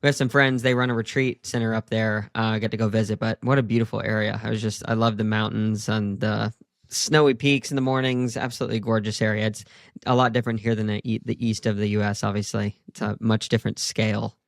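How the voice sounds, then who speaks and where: A man's voice: on the low side, flat delivery, fast, creaky, no echo, studio quality. A man hosting a podcast interview, chatting in a friendly, casual way with lots of fillers. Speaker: podcast host.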